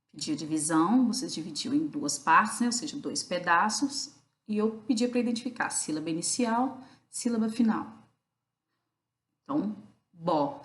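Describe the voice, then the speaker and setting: Woman teacher, patient, mid-pitched, asks and answers her own questions, echoey room. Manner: spells out syllables slowly. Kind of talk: recorded video lesson for children. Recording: roomy echo.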